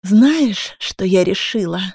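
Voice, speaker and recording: A woman's voice: animated, slow, creaky, a little mellow, slightly rough, no echo, clean studio sound, exaggerated voice. A woman voicing an unhinged, furious pregnant young woman who screams and mocks in an audiobook. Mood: menacing. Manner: shrill, screaming, mocking.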